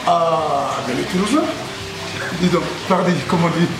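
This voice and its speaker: This is a casual interview with a man in his sixties from Congo who owns a restaurant and is speaking there. His voice sits on the high side and moves at a moderate pace as he rambles jovially and repeats himself. The room echoes, and background noise is loud.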